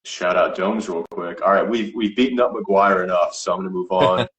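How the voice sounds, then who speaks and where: A man hosting a sports podcast, asking questions and reacting in a relaxed, enthusiastic way. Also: deep voice, normal speed, poor audio. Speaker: podcast host. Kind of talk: casual interview.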